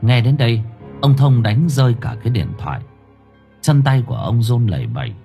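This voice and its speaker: A man narrating an audiobook story in a dramatic, expressive way. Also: mid-range voice, normal speed, vocal fry. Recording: faint music underneath.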